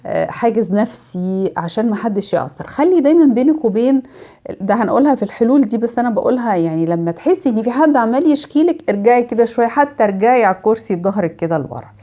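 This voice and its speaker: A woman with an Egyptian accent giving a life-advice talk, explaining in an animated way. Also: fairly high pitch, racing. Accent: Egyptian Arabic. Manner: explanatory, animated, acts out examples.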